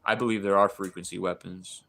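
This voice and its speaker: A man livestreaming in a casual, rambling way, excitable and swearing often, with lots of dude and bro. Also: low voice, fairly quick. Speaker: live streamer.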